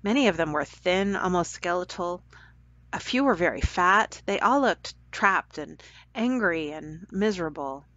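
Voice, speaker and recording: A woman telling a children's story aloud for a church program in a gentle, caring way. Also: lowish voice, expressive, unhurried, no room sound. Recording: dull dry lo-fi recording.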